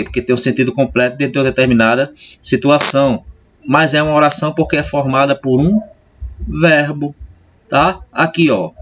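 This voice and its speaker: A man with a Brazilian Portuguese accent teaching a grammar lesson, explaining patiently and often checking in with his listeners. He stretches key terms out slowly and hurries through the asides. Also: mid-range voice. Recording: slightly dull lo-fi sound with faint hiss.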